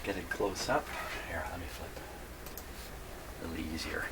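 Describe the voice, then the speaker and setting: Speaking in a low voice at normal speed, a man thinks aloud while casually demonstrating electronics repair in his home radio workshop. He talks through the work for his video and mutters to himself along the way. There's background noise, though the recording is clear.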